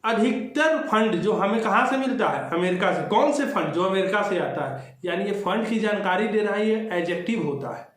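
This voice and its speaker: A man with a high-pitched voice teaches grammar to exam students in a friendly, conversational way. He keeps repeating key words and answers his own questions. The sound is very roomy and echoey. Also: lively intonation, moderate pace, few pauses. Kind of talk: bilingual exam-prep lecture.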